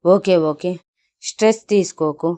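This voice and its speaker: A woman voicing a remorseful young man who pleads softly and soothingly in a storybook audio drama. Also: lowish voice, normal speed, close to an everyday voice.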